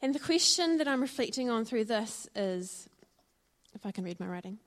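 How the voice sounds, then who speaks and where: A woman with a New Zealand accent, probably in her thirties, shares her personal story with a church audience, earnest and reflective. Her voice is on the high side and animated at normal speed, with frequent ums and uhs.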